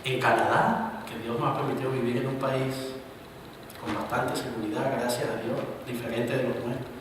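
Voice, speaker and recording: A man preaching a sermon as pastor, swinging between loud emphatic bursts and quiet asides. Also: medium pitch, little pitch movement, moderate pace, background noise. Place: church hall. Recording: roomy, reverberant church recording from a distance.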